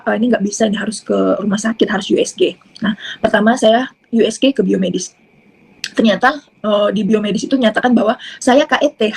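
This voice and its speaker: A middle-aged woman giving an earnest personal testimony, halting often with fillers and restarts. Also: medium pitch, darkish tone, slightly rough, poor audio. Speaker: testimony speaker.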